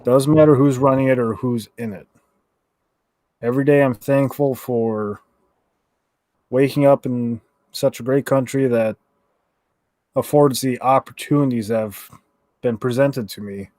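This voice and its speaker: A man's voice: medium pitch, steady tone, measured pace, pauses often, dark tone, dry recording. A man co-hosting a casual podcast, speaking earnestly and asking the others questions. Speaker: podcast co-host. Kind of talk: casual chat.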